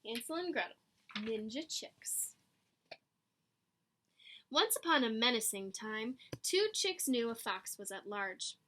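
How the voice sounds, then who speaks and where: A woman reads a picture book to children slowly, pausing often, in a slightly high, bright voice with lively intonation and a forceful tone. She gives the story dramatic emphasis and teacherly asides.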